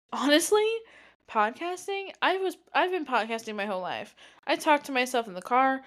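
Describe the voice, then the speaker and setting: A woman in her twenties hosting her own podcast, talking casually and rambling with many fillers. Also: fairly high pitch. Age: 20s. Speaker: podcast host; teacher. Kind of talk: casual solo podcast monologue.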